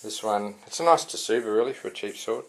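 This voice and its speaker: Man, somewhat low voice, casual review, hesitant, rambling. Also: fairly quick, vocal fry, slight background noise. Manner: rambling and hesitant, many "uh" fillers and restarts. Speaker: sword reviewer.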